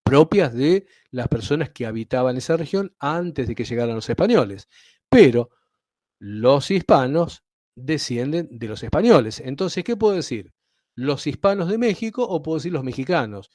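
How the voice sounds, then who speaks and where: A man with an Argentine Spanish accent gives a teaching sermon on the Bible, explaining things step by step and often checking in with his listeners. His mid-range voice has a sing-song lilt and a darkish tone, at normal speed. The recording is dry and clean, with studio sound.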